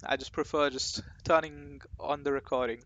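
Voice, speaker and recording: A man's voice: fairly high pitch, flat delivery, moderate pace, fairly bright tone, dull audio, a little hiss or hum. A man hosting a gaming channel who talks in a casual, rambling way, with lots of fillers and restarts. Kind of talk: casual rambling talk to camera.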